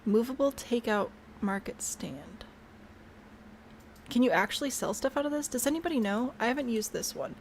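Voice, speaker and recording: A woman's voice: fairly high pitch, expressive, fast, few pauses, slight background noise. Chatty bubbly woman thinking aloud. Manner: chatty and bubbly, talks to herself, trails off. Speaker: game streamer. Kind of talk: casual chat while building in a game.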